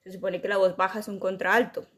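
Young woman, casual podcast co-host, animated, talks at length, mid pitch. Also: fast talker. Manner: animated, explains at length, imitates sounds. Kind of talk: casual chat.

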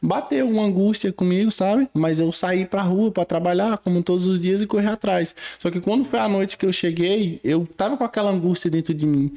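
A man co-hosting a podcast, talking in a relaxed, repetitive way with many fillers. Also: high voice, fairly quick, few pauses. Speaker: podcast co-host. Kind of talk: casual podcast chat.

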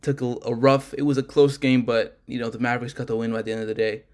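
A man's voice: mid-range voice, little pitch movement, fast, a little mellow. A man co-hosting a casual sports podcast, rambling and correcting himself as he talks. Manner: loose, rambling, self-correcting. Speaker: podcast co-host.

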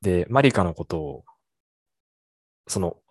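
A man's voice: deep voice, lively intonation, slow, slightly rough, no room sound, clean studio sound. A young man in casual conversation, rambling and hesitant, trailing off with fillers as he talks. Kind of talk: casual chat.

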